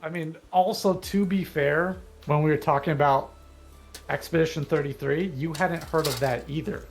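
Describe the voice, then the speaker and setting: A man's voice: a little high, steady tone, moderate pace, soft background music. A man on a gaming livestream's voice chat, talkatively explaining game mechanics step by step in casual chat. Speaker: guest co-player on a livestream.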